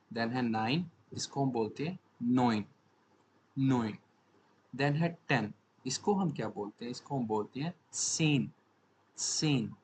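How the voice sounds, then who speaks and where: A man's voice: mid-range voice, slight background noise, low-quality recording. A man teaching a language lesson from slides. He asks a question, then answers it, and repeats each word twice.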